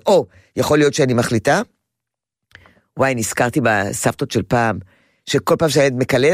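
A woman's voice: extremely low pitch, dry recording, clean studio sound. A woman giving parenting advice to a caller in an emphatic, repetitive way. She often acts out a child's voice. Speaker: parenting advisor.

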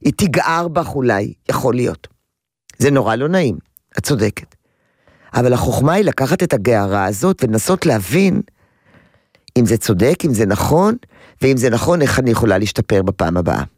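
A man advising a caller on a radio program, animated, acting out quotes and repeating words for emphasis. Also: medium pitch, no echo, clean studio sound. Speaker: parenting advisor on a radio call-in. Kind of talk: advice to a caller.

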